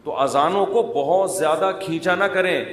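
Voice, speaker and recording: A man giving a conversational religious talk as an Islamic scholar, mixing humor with teaching and mimicking drawn-out calls to prayer. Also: a little high. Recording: echoey hall, faint ambience.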